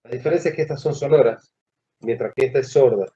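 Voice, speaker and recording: A male teacher giving a classroom lecture, who asks the students questions and pauses mid-phrase. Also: medium pitch, warm tone, breathy edge. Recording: dull lo-fi classroom recording.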